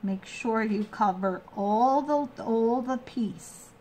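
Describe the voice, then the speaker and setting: A woman giving a casual hands-on craft tutorial, explaining each step in a halting way and restating as she goes. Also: on the high side, darkish tone, slight background noise. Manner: halting, trailing off and restating steps.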